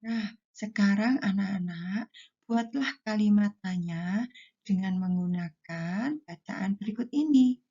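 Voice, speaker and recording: A woman teaching a primary school class, explaining slowly and deliberately to her pupils. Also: medium pitch, dark tone, lo-fi sound. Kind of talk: classroom lesson for children.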